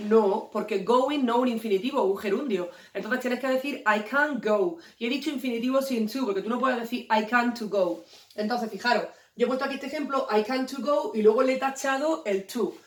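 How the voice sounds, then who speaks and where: In a playful, joking manner, a woman teacher walks students through English grammar. Her voice is slightly high and brisk, and she's picked up from a distance in a room with echo.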